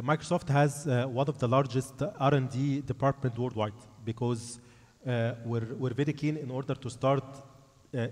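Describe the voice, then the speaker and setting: A man's voice: medium pitch, a little mellow. A man giving an explanatory panel answer as a company representative, repeating and rephrasing his phrases. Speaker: corporate panelist speaking for a tech company. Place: large conference hall. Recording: echoey hall with long reverb.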